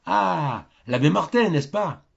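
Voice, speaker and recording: Un homme qui joue un grand ange aux ailes sombres, à la voix rauque et dolente, tenant un grand livre dans un conte lu. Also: male voice, a little high, expressive, takes it slowly, lo-fi sound, pitched above the performer's own voice, full character voice. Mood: sighing. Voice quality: hoarse and doleful. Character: grand dark-winged angel keeping hell's book.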